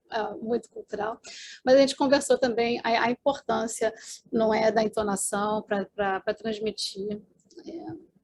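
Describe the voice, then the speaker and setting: A woman's voice: fairly high pitch, a little mellow, a little hiss or hum. A Brazilian woman with a Brazilian Portuguese accent giving an academic conference talk over a video call, explaining as she goes with many fillers and tag questions. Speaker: conference presenter.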